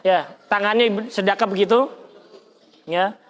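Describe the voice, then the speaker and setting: A man. He demonstrates as he explains and keeps asking his listeners questions. His pitch jumps up suddenly in exclamations. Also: a little slow. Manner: animated, colloquial, demonstrating with gestures, asks the audience questions. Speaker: religious teacher. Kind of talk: lively Islamic study lesson with demonstration.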